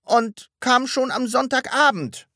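Storybook role: woman doing a fussy, complaining man, plaintive and exasperated, pitched high and husky. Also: slow pace, fairly bright tone, no room sound, clean studio sound, heavily acted. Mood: aggrieved. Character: fussy, gloomy grown man who complains.

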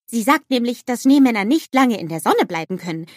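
A woman voicing an eager, innocent little male snowman with a high, excited, childlike manner. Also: brisk, no echo, studio quality. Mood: proud.

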